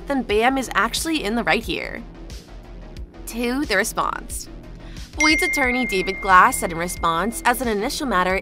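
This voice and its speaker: A woman's voice: mid-range voice, sharp tone. A woman reading a scripted news narration as the narrator.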